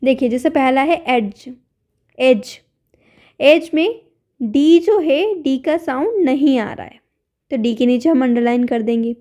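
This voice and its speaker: A woman's voice: high voice, unhurried, dark tone. A woman teacher explaining English words and grammar in Hindi, patiently repeating each word and then giving its meaning.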